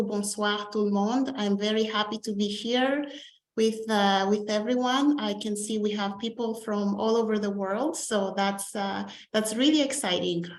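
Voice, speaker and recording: Woman, panelist, polite measured presenting, mid pitch, echoey room, video call. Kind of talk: webinar presentation. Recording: roomy echo.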